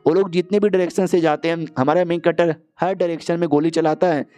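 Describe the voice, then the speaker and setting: A man's voice: a little high, fairly even intonation, quick pace, darkish tone, soft background music. A man narrating a story recap in a casual, slangy way.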